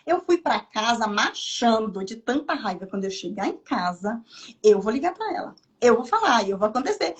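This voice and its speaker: A woman from Brazil, a missionary guest on a podcast, telling a lively personal faith testimony and acting out her own inner dialogue. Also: fairly high pitch.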